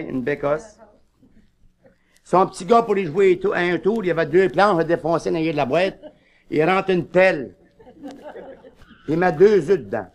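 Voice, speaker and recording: A man telling bawdy tavern jokes with brisk punchlines and asides to the ladies. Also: high-pitched. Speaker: stand-up comedian.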